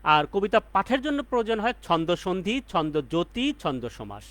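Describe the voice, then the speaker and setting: A man's voice: high-pitched, very animated, normal speed, fairly bright tone, no echo. A man teaching a poetry class as the instructor, explaining step by step and repeating key points for emphasis. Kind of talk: lecture.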